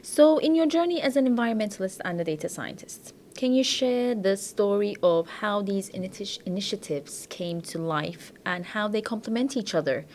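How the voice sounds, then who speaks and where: A woman's voice: mid-range voice, animated, moderate pace, hardly any pauses, darkish tone, slight background noise. A woman hosting a podcast interview, asking questions with hesitant restarts. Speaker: podcast host.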